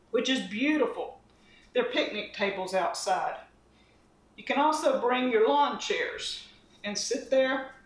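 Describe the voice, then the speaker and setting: Her voice a little high, a middle-aged cooking channel host gives a casual recipe demonstration at home, talking chattily and homespun as she mixes dough with her hands. A camera across the counter records her from a distance in the roomy kitchen.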